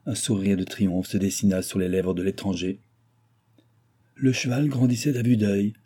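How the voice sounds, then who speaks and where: A man narrating a classic novel as an audiobook reader, in a measured storytelling manner. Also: lowish voice, fairly even intonation, dark tone, husky.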